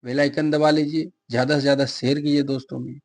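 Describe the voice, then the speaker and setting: Man teaching a lesson, husky voice. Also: mid-range voice, little pitch movement, quick pace. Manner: explains patiently with spoken examples, asks and answers own questions; asks viewers to subscribe and comment. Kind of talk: Hindi grammar lesson for exam prep.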